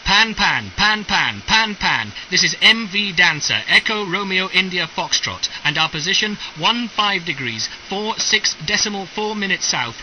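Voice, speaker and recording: A man reading formulaic marine radio distress calls with ship names, call signs and positions. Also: sits high. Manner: formulaic, procedural phrasing. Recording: dull lo-fi radio, faint noise.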